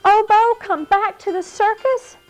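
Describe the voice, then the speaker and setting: A woman's voice: high voice, expressive, measured pace, fairly bright tone. Calliope, a bubbly young clown girl. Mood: excited. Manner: bubbly, wide-eyed storybook delivery. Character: cheerful young girl clown, eager and sweet. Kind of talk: children's show character acting.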